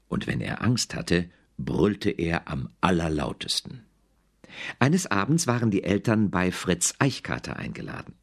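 A man narrating a children's audiobook in an expressive storytelling manner. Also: deep voice, measured pace, creaky, husky.

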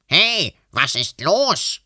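A gruff, cheeky earth monster with a rough voice that swings lively up and down, as a male storyteller puts him on. He drawls slowly and sulkily, bright and hard-edged, in a dry, close sound. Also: mid-range voice, no room sound, heavily acted. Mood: grumpy. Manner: sulky, cheeky, growling. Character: grumpy rude hairy red earth monster.

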